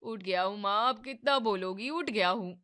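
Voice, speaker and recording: Close to her everyday voice and at a normal speed, a woman portrays a young husband in a cartoon family drama. The character, soothing and evasive, placates his wife and mother in a soft, lower, conciliatory voice.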